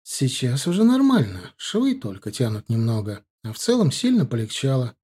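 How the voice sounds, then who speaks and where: A woman's voice: a bass voice, huge pitch swings, moderate pace, mellow, slightly rough, full character voice. A man voicing a chatty, practical older woman recovering from surgery, speaking firmly. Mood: lively.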